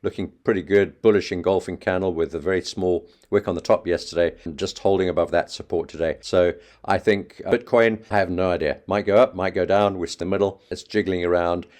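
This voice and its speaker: A man giving a quick, chatty trading market update, talking fast and offhand. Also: deep voice, steady tone, a little mellow. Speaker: market analyst.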